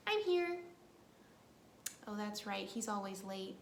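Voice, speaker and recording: Her pitch sits in the middle but swings widely, and she talks slowly with a creaky quality. As the librarian at a children's storytime, she chants rhymes and action songs in a playful sing-song aimed right at young children. It's recorded in an echoing space with a little background noise.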